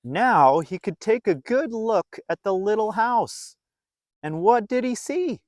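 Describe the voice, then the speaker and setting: A man with a high-pitched voice reads to young children, stretching out words and adding dramatic emphasis in a playful, expressive style. The audio is studio quality with no echo.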